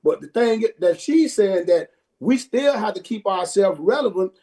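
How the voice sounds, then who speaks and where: Earnest man with a high, mellow voice. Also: animated, moderate pace. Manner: earnest, emphatic. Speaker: comedian and promoter. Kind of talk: panel discussion.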